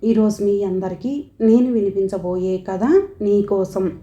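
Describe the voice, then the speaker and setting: A woman's voice: mid-range voice, fairly even intonation, measured pace, dark tone. Woman narrating a story, echoey room. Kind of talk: audiobook narration. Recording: dull roomy home recording.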